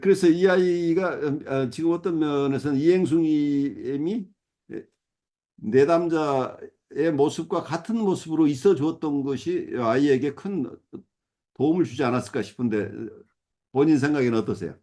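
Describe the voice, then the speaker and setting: This middle-aged man, a psychoanalysis supervisor, speaks at normal speed in a fairly high voice with a dark tone. He explains a case step by step in a teaching manner, with frequent fillers and self-corrections.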